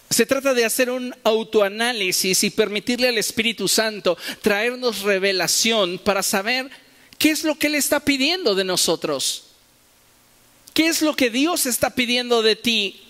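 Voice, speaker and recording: A male preacher with a fairly high voice delivers an emphatic sermon. He keeps asking his listeners pointed questions and acts out both sides of imagined conversations. His voice rings through a church hall with a long reverb. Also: sharp tone. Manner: emphatic preaching, rhetorical questions, acted-out dialogue.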